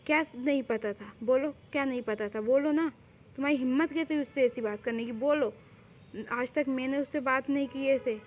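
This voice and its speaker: A loud, protective young man scolds without letting up, as a young woman puts him on. Her high voice barks out short demands and stays bright above a dull, lo-fi sound. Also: fairly even intonation, fairly quick, natural voice. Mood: furious. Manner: shouting, scolding. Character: possessive angry young man. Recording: dull lo-fi recording.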